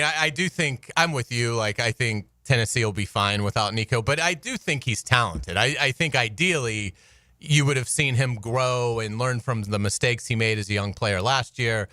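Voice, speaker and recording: A man's voice: lowish voice, sharp tone, dry recording, clean studio sound. An American man giving casual sports analysis as a radio co-host.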